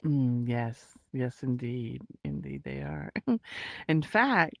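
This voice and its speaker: A woman co-hosting a casual, flirty chat show, giggly and mock-innocent with drawn-out replies. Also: very deep voice, wildly swooping pitch, no echo. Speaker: podcast co-host.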